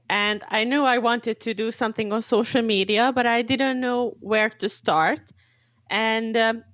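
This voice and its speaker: A woman's voice: on the high side, dry recording. Eager young woman from Serbia, dry sound. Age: 20s. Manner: eager, chatty, laughs easily. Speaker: guest. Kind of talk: casual interview.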